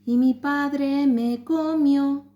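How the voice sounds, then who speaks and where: A woman voicing a magical bird, a murdered boy reborn, in a slow sing-song chant. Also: medium pitch, lively intonation, highs cut off, lightly acted.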